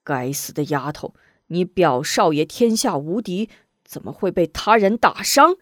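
A woman's voice: fairly low pitch, animated, slow pace, a little mellow, slightly rough, dry recording, clean studio sound, heavily acted. A woman voicing a stern middle-aged military officer who speaks to his household. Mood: angry.

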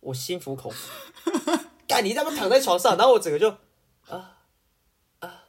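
A woman's voice: medium pitch, big pitch swings, normal speed, slightly rough. A woman, chatting casually as a podcast co-host, swearing freely, laughing often and mimicking others. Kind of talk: casual chat.

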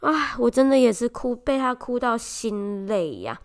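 A young woman kindergarten teacher with a Taiwanese Mandarin accent tells a casual, animated story, full of exclamations. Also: fairly high pitch, a little slow, clear, resonant tone. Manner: animated, exclamatory, often voices children's lines.

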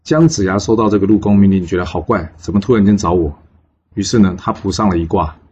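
A man retelling a classic legend in a chatty, casual way, pausing on fillers. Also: low-pitched, darkish tone, slightly rough, muffled recording. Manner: chatty, with many pauses on fillers. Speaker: storyteller.

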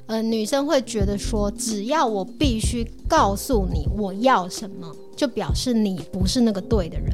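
A woman co-hosting a casual relationship podcast, talking in an animated way and acting out little quoted scenes. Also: medium pitch, moderate pace, few pauses, music in the background.

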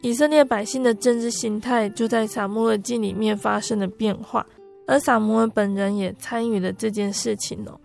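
A woman narrating a Bible story for a podcast in a gentle, unhurried storytelling manner with soft filler particles. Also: a little high, steady tone, vocal fry, soft background music.

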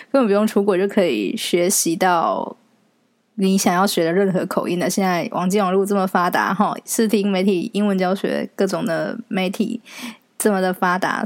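A woman's voice: medium pitch, dry recording. A young Taiwanese woman hosting a solo podcast, chatting casually and telling stories with a laugh. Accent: Taiwanese Mandarin. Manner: chatty, animated storytelling with frequent laughs. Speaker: podcast host.

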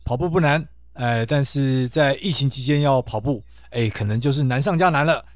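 A man's voice: mid-range voice, moderate pace, dry recording, studio quality. A man with a Taiwanese accent chats casually as a podcast co-host, joining remotely. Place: remote recording from a separate location.

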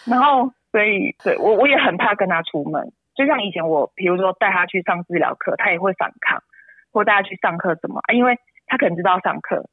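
A woman speaking, a mother telling an emotional personal story, her voice often breaking and jumping high. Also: expressive, a little fast, breathy edge, no echo. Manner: tearful, pitch jumps high when upset. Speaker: interview guest, mother. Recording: tinny phone-line sound.

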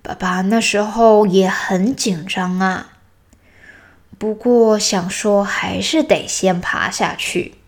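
A woman voicing a playful father bear who tells his cub a childhood story, in a slow, calm manner. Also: medium pitch.

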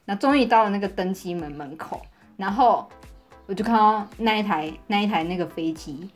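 A woman co-hosting a podcast, telling a story in an animated, casual way and often laughing. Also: medium pitch, moderate pace, faint music behind. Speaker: podcast co-host.

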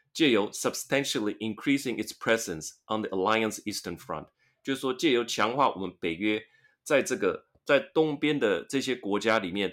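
On the low side with a fairly bright tone, this male podcast host reads English news passages aloud and explains them, using tag particles often as he teaches English through the articles.

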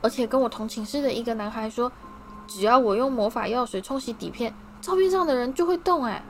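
A man's voice: very high voice, a little fast, fairly bright tone, a little hiss or hum. A woman voicing an eager, starstruck young schoolboy who gushes and pleads breathlessly.

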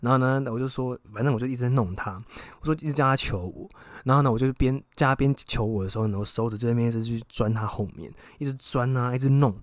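A young man, hosting a podcast and telling a personal story casually, frank and excitable, swearing freely. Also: mid-range voice, fast talker, no echo, studio quality. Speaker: podcast host.

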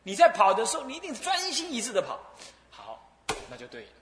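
A man's voice: high voice, fast talker, reverberant, a crowd in the background. A man, an abbot giving a Buddhist sermon, acting out dialogue and laughing as he tells stories. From Taiwan. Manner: animated storytelling, acts out dialogue, laughs often.

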